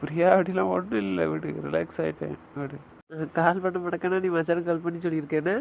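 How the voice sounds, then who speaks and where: A man's voice: a little high, steady tone, quick pace, vocal fry, a little hiss or hum, poor audio. A man playing a young husband who hesitantly downplays a head injury and soothes his wife in an audio drama. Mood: soothing.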